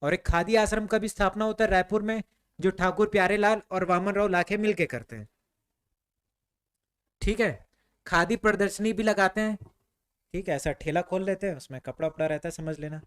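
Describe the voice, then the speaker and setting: A man's voice: sits high, normal speed, clear, resonant tone. A man teaching a history class, quizzing students and answering his own questions in a conversational way. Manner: conversational, repeats "ठीक है" often.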